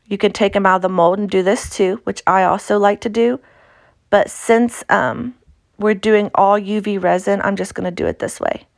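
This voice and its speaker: Casting: woman, Appalachian accent, medium pitch with gravelly creak, informal chatty instructor for hands-on craft narration. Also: steady tone, moderate pace, dry recording, studio quality. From Appalachia, United States. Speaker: craft tutorial host. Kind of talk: casual instructional craft voice-over.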